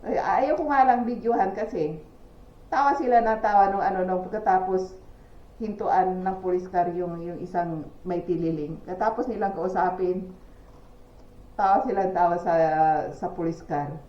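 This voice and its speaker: A woman's voice: lowish voice, moderate pace. A Filipina woman vlogging to her viewers in a chatty, gossipy way, telling stories with exclamations and laughs while outdoors. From Philippines. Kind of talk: casual chat to viewers. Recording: echoey, dull lo-fi with faint ambience.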